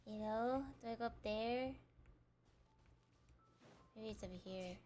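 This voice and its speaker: A woman's voice: a little high, a little slow, a little mellow, faint music behind. A young adult woman chatting casually while she streams a video game, rambling and self-deprecating as she talks. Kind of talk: casual gameplay chat.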